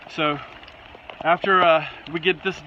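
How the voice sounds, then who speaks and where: Outdoors, with clear wind and storm noise around him, a man speaks in a notably high voice with a Southern US accent. He plays amateur weather reporter in a folksy, excitable way, casually addressing his viewers live. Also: unhurried, muffled recording. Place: outdoors up a tree in wind and rain. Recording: windy outdoor noise, clicks and rumble. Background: storm wind and rain.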